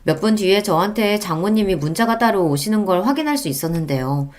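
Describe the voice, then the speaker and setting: A woman calmly reading a scripted first-person story as narrator. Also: mid-range voice, brisk. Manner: calm, even storytelling.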